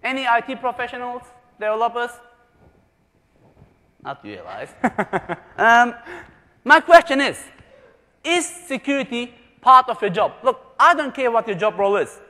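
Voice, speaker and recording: Speaking at a measured pace with frequent pauses, this German man has a very high, sing-song voice with a sharp edge. He delivers a playful conference presentation and fires questions at the live crowd, all inside a large conference room where the sound rings with long hall reverb.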